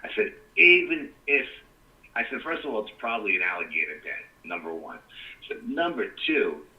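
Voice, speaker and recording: A man's voice: deep voice, sing-song, brisk, recorded from a distance, highs cut off. A middle-aged man, a guest rambling through a story in casual talk with plenty of "you know". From New York.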